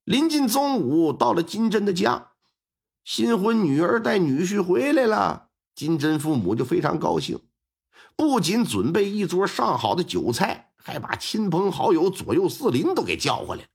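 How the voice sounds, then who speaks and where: A male storyteller performs a traditional crime tale with lively, swooping intonation. His voice sits a little high and has a gravelly, husky texture, and he delivers the story in a colloquial, chatty way. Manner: lively, colloquial, with drawn-out sentence-final particles.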